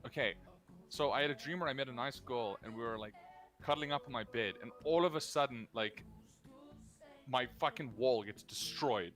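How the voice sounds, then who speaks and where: A man chatting casually on a stream, telling a story in an animated way and swearing freely. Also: medium pitch, normal speed, faint music behind. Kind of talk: casual group chat on stream.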